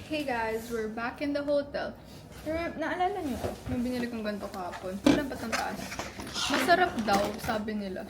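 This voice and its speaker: Chatty high-voiced woman vlogging. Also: normal speed. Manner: chatty and excitable, talks straight to viewers. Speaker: travel vlogger. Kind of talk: casual vlog chat to camera. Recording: loud background music and crowd noise.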